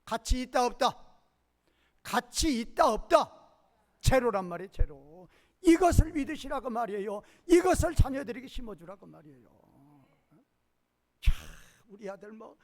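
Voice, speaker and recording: A male pastor delivering a sermon in a very high voice that leaps around with lively pitch. He fires repeated questions at the congregation and drops from loud emphasis into quiet asides.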